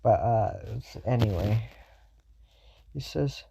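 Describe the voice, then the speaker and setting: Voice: mid-range voice, slow, creaky, warm tone, a little hiss or hum. A fan storyteller improvising a what-if story, rambling with many fillers and self-corrections.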